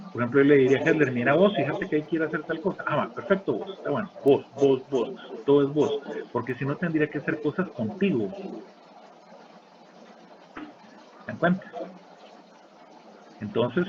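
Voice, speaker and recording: Animated man lecturing online. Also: medium pitch. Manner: lively storyteller, acts out shouted quotes. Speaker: university lecturer. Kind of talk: online class lecture with anecdotes. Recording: muffled call audio with background noise.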